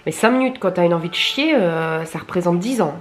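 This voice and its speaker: A young adult woman vlogger films stories, chatting to camera in a candid, crude, colloquial confessional style, grumbling and poking fun at herself. Her voice is lowish and brisk, with lively intonation.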